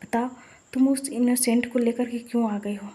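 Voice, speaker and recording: A woman's voice: on the high side, fairly even intonation, normal speed, warm tone, breathy edge. A woman voicing a caring young woman who scolds her stubborn friend, in a fan story reading. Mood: scolding.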